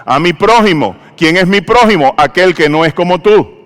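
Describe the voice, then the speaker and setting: A man's voice: high voice, expressive, normal speed. Preacher man in a reverberant church. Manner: call-and-response preaching, asks the congregation questions. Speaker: pastor. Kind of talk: sermon. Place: church sanctuary. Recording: church hall with long reverb.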